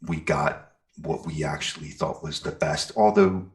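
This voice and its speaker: A middle-aged man, a metal singer and guitarist, is being interviewed and chats casually, rambling with informal enthusiasm. His voice is very deep, with a steady tone and an unhurried pace.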